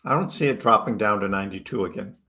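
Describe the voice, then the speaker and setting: Talking quickly in a fairly low, sharp voice, a Chicago man hosts a crypto livestream. He keeps the chat casual, reading viewer comments and greeting people by name.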